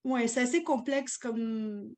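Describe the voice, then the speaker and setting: A woman's voice: a little high, slow pace, darkish tone. A woman poet speaking on an online panel, hesitant and full of fillers.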